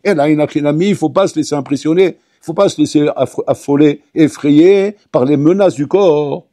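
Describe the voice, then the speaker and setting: A man, a rabbi, teaching a lively Torah class to yeshiva students. He talks to them directly and acts out little dialogues. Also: a little high, normal speed, dry recording, studio quality. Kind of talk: animated Torah lesson. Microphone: audio recording of a class.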